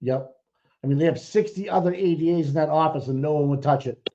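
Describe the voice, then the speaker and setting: Excitable man, muffled stream audio. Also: a little high, fairly quick. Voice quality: profane, excitable, rambling with restarts. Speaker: co-host. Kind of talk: casual chat.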